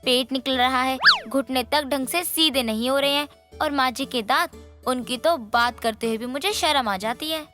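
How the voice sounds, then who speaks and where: A woman voicing a blunt, fault-finding young daughter-in-law in an animated story. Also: high-pitched, moderate pace, music in the background, lightly acted. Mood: snippy. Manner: blunt, snippy.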